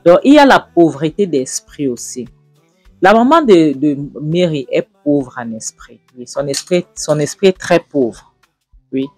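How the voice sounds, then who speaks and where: A man retelling a drama series scene by scene and then commenting on it, speaking straight to his viewers in a lively storytelling way. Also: a little high, measured pace, breathy edge, no echo, faint music behind. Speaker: series reviewer.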